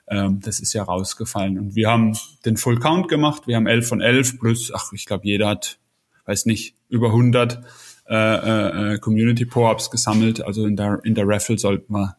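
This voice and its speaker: Chatty man podcast co-host. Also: fairly low pitch. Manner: chatty, many fillers and restarts. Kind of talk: casual chat.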